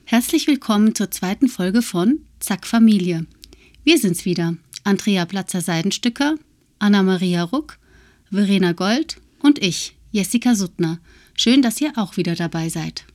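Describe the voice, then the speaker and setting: A woman's voice: medium pitch, animated, moderate pace, darkish tone, dry recording. A woman with a mid-range voice reads a friendly podcast introduction. The recording is dry and close, with no room sound. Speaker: podcast host.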